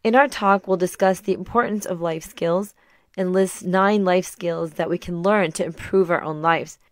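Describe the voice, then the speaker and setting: A middle-aged woman hosting a podcast. She reads a scripted talk in a calm, measured way, and a sore throat leaves her voice slightly raspy. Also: on the low side, no room sound. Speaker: podcast host.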